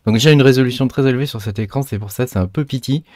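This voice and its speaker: A man's voice: medium pitch, fast talker, a little mellow, no echo, clean studio sound. A man hosting a casual screen-recorded tech tutorial, loose and chatty, with lots of fillers and slangy asides.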